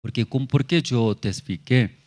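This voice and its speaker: Man preaching in halting, broken Spanish. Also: mid-range voice, a little mellow. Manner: simple broken phrasing with frequent tag questions. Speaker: pastor. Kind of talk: sermon testimony. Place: church in La Paz.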